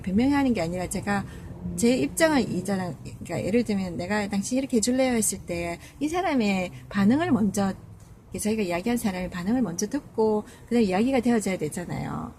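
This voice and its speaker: Gravelly woman telling a story haltingly. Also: medium pitch, darkish tone, slight background noise. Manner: hesitant, many fillers and restarts, acts out quoted speech. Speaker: caregiver telling a personal story. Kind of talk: casual personal storytelling.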